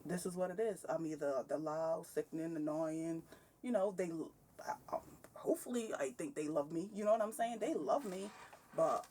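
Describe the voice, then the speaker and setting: A woman's voice: low voice, moderate pace, mellow, distant mic, slight background noise. A woman in her thirties talking candidly and with energy in a casual podcast conversation, often breaking into laughter. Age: 30s. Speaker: podcast guest.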